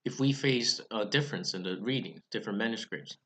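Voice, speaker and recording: Speaking English as a second language, a young man who runs a Bible study channel gives a scripted explanatory talk to camera on reading Greek scripture. His voice is on the low side, bright and forceful, and he speaks with careful measure, restarting at times.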